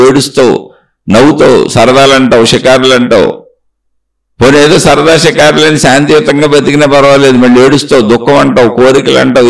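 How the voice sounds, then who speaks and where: A man's voice: mid-range voice, gravelly, rough recording. A man teaching as a spiritual teacher, delivering a spiritual discourse in rhythmic chains of repeated phrases and rhetorical questions to the listener.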